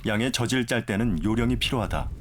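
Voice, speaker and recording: A man narrating a nature documentary from a script in a measured, formal way. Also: fairly low pitch, animated, noisy background.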